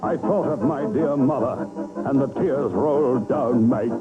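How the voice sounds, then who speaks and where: A man's voice: medium pitch, measured pace, lightly acted. An actor playing a boastful old male commander who tells tall tales in a pompous, grandly theatrical way. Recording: dull recording with loud music.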